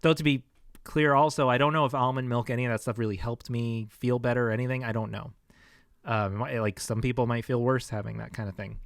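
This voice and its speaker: A vlogger sharing his health experience talks casually into a close mic, rambling and hesitant, with many restarts and fillers. Vocal fatigue leaves his mid-range voice tired, scratchy and creaky, brisk in pace with fairly even intonation. The recording is dry.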